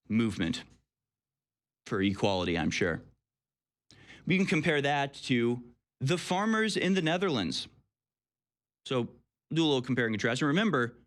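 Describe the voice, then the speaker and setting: A man hosting a call-in talk show, delivering sarcastic, mocking political commentary. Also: mid-range voice.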